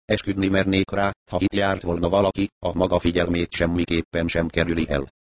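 A man voicing a weary, polite man who answers in a dry, measured way. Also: low-pitched, completely flat delivery, no room sound, natural voice. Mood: dry, reserved.

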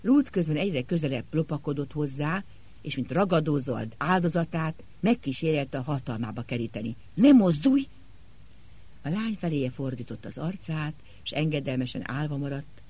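Male audiobook narrator, husky voice, animated pitch, dramatic reading. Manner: dramatic, expressive storytelling.

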